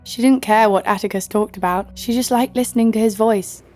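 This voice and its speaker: A woman with a slightly high, darkish, natural voice narrates an audio drama in the first person, speaking a little fast with fairly even intonation over faint music. As the lead, she plays a sassy, snarky heroine with a sidekick, telling the scripted story in a fond but teasing way.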